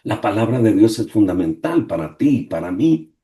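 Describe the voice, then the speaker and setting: Male preacher, mellow dark tone, dramatic devotional delivery with rhetorical questions, over a video call. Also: lowish voice, big pitch swings, moderate pace. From Colombia. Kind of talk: devotional sermon.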